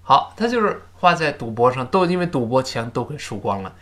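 A middle-aged man teaching an English lesson, patiently explaining pronunciation and grammar in Mandarin and loudly modeling English words slowly. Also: mid-range voice, sing-song. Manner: patient, repeats drills with "let's read it again".

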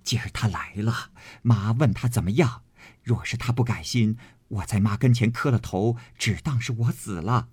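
A man voicing a passionate, defiant young maid, raising his husky voice in an impassioned plea while reading a classic novel aloud. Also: on the low side, normal speed, a little mellow, no echo.

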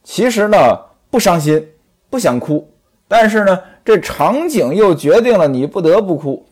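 A male storyteller with a lively, swinging delivery and a fairly high voice. He tells a traditional story with chatty asides to the listener. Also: normal speed, slightly rough.

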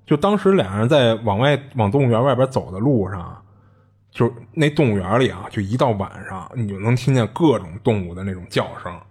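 A man's voice: lowish voice, animated, brisk, a little mellow, breathy edge. A man telling a strange tale in a chatty, rambling podcast style. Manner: chatty, rambling, many fillers and restarts. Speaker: podcast host. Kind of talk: casual storytelling.

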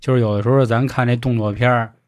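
Male co-host, casual banter, quick slangy asides, average pitch. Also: fairly even intonation, darkish tone.

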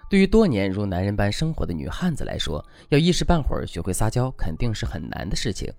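Lively low-voiced man giving advice. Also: fast talker, creaky, no room sound, soft background music. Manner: instructive, advice-giving delivery. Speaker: dating advice instructor. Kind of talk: scripted instructional narration.

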